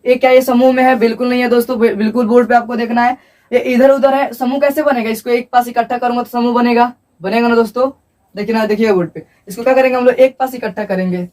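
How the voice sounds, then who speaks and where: A man's voice: very high-pitched, fairly even intonation, fast talker, darkish tone, distant mic. A male teacher giving a classroom lecture at a board, repeating points and asking and answering his own questions.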